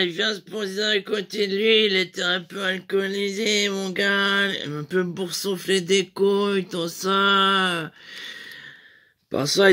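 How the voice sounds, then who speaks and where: A man's voice: sits high, pushed and bright. A man telling a rambling, crude comic anecdote about a night at a bar, full of slang and fillers. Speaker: comedian.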